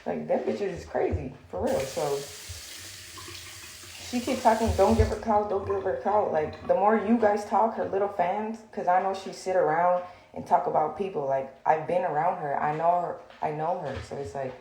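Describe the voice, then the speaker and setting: A woman's voice: on the low side, normal speed, mellow, a little hiss or hum. A young woman in a heated, blunt rant to the camera, swearing and filling with "like". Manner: heated, blunt, swears often, many fillers. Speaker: social media personality. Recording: echoey room.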